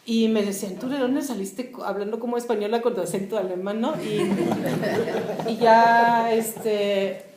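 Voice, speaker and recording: A woman's voice: on the high side, steady tone, unhurried, heavy background noise. A young German-born woman, a writer with German as her first language, chatting and laughing as she tells stories at a public discussion. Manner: chatty, laughing storyteller with many fillers. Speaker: author guest. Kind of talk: casual talk at a public discussion. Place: room at a public gathering. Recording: roomy echoey venue.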